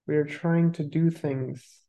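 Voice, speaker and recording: A meditation guide with a medium-pitched voice leads a guided meditation, giving calm, unhurried instructions separated by long pauses.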